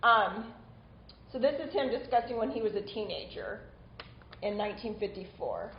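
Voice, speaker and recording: A woman's voice: mid-range voice, animated, moderate pace, echoey room, muffled recording, a little hiss or hum. A woman instructor giving a recorded online lecture in a conversational way, often stopping for small asides.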